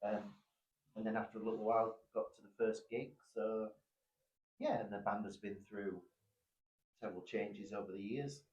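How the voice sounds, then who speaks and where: A man's voice: fairly low pitch, level tone, moderate pace, long pauses, darkish tone. A man, a guitarist, chatting in an easygoing, agreeable way. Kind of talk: casual chat. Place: backstage green room. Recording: roomy room.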